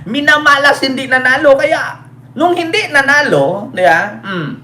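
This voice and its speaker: A man's voice: very high-pitched, expressive, measured pace, pushed and bright, roomy sound, slight background noise. A man giving mocking, crude political commentary to his viewers, laughing often and teasing.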